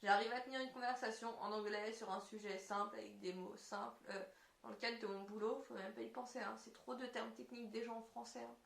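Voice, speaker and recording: A woman's voice: a little high, steady tone, brisk, gravelly, fairly bright tone. Chatty woman in an echoey room. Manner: chatty, heavy on fillers like "donc, euh, du coup". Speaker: co-host. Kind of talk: casual chat. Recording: roomy echoey sound.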